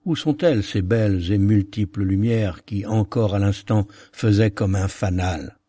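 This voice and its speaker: A man's voice: fairly low pitch, unhurried, dark tone, no echo, clean studio sound. A man doing a stern old hermit. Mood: puzzled. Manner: urgent, commanding.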